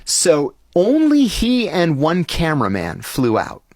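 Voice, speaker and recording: Male podcast guest, lively swooping delivery, dry close sound. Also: fairly high pitch, slow, no echo. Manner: animated, acts out each quoted voice. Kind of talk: storytelling anecdote in casual chat.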